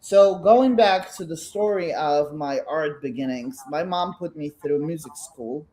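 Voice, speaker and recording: A low, mellow voice with a bit of hiss or hum belongs to a middle-aged woman from Belarus, Russian her native tongue, who has a Russian Brooklyn accent. Interviewed casually as the artist guest, she stumbles along with frequent restarts and fillers.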